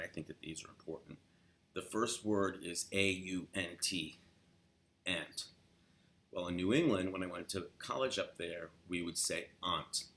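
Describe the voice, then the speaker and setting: An easygoing accent coach from New York gives a casual instructional talk to camera in a deep, gravelly voice with a sharp tone. He rambles and leans heavily on fillers, and when quoting LA speech he acts it out with a rising upswing.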